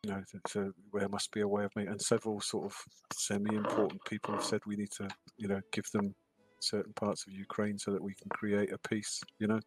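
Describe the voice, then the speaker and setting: A man's voice: fairly low pitch, completely flat delivery, fairly quick, hardly any pauses, soft background music, rough recording. A man streaming an online game, chatting casually and rambling with lots of "you know" fillers. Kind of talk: casual chat while gaming.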